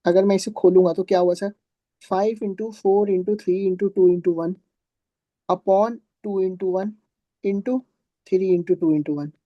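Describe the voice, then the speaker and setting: This math teacher's voice sits high, with fairly even intonation and a moderate pace, in a lo-fi recording without echo. Lecturing live, he patiently poses questions to the class, answers them himself, and addresses students as "beta."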